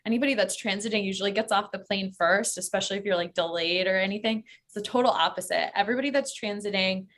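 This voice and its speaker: A talkative American woman with a bright, forward tone, speaking as an interview guest. She talks loosely and casually, dropping frequent "like"s and "um"s. Her pitch sits in an ordinary middle range. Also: fast talker. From United States. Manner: chatty, many fillers like "like" and "um". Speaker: guest, solo travel expert.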